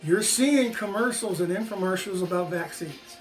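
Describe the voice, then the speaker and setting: An American man in his sixties, a former teacher who now hosts a video channel, gives viewers an opinionated explanatory monologue. His voice sits high at a moderate pace with soft music behind him, and he's emphatic, repeating phrases for stress.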